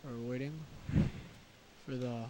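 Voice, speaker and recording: A man's voice: medium pitch, level tone, slow pace. A man giving casual, chatty live commentary on a diving meet, often repeating short phrases of approval. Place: indoor pool during a school meet. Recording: noisy pool ambience.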